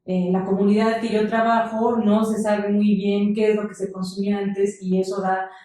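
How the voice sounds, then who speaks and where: Female researcher, even intonation, mellow, seminar comments. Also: mid-range voice, normal speed. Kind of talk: academic discussion. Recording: very echoey, distant microphone.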